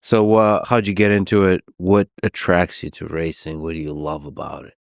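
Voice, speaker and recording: A man's voice: deep voice, level tone, moderate pace, no room sound, studio quality. A man hosting a casual interview, asking curious and reflective questions.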